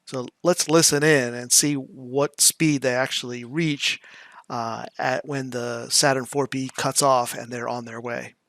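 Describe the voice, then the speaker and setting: A middle-aged man giving a casual explanatory lesson, presenting like a teacher and halting now and then as he thinks aloud. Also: mid-range voice, fairly even intonation, fairly bright tone, dry recording. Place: small indoor room.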